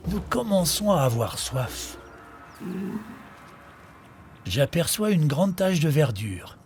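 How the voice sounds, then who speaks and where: Dromedary narrator, higher-pitched, nature documentary. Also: male voice, very animated, measured pace, music in the background. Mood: narrating. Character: male dromedary telling its own life in the desert. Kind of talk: nature documentary narration, scripted, first person.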